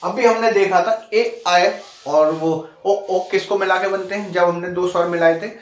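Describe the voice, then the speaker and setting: Guy teaching grammar, high voice, keeps asking questions n checking in, roomy echo. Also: fairly even intonation, normal speed, far from the mic. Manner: repetitive, checking in often with rhetorical questions. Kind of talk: Hindi grammar lesson.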